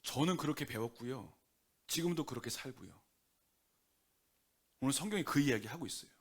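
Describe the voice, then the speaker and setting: A man preaching a Sunday sermon as pastor, conversational and lively, often acting out quotes. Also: medium pitch, fairly quick, husky. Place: church sanctuary.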